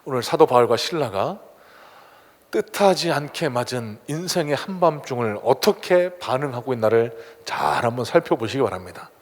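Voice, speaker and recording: A male pastor preaching a dramatic sermon in a church, swinging between loud exhortation and hushed tones. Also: mid-range voice, lively intonation, moderate pace. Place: church sanctuary. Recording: long church hall reverb.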